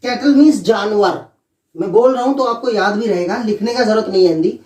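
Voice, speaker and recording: A man teaching as an online English tutor, dictating example sentences slowly and checking in with his students often. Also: high voice, a little mellow. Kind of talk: explanatory online lesson. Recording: echoey room, distant mic.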